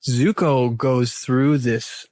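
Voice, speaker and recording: A man's voice: medium pitch, steady tone, very slow, darkish tone, no echo, studio quality. A man guest on a casual podcast, thinking aloud and reflecting at length on characters. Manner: thoughtful, reflective analysis. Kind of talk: casual chat.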